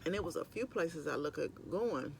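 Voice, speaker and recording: Brief: high-pitched, gravelly man, middle-aged, casual eating-show chat with food in his mouth, some background noise. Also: animated, normal speed, low-quality recording. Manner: chatting while eating, sometimes with mouth full; rambling, conversational. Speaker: mukbang vlogger. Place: at work on lunch break.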